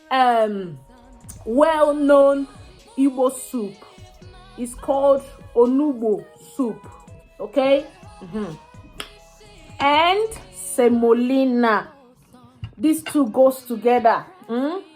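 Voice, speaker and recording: A woman with a Nigerian accent talks her way through a mukbang in a slow, easygoing rhythm. Her voice sits fairly high, and she chats casually between long hums and exclamations. Soft music plays faintly behind her. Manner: chatty, drawn-out exclamations and hums while eating. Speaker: mukbang host. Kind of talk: casual eating vlog chat.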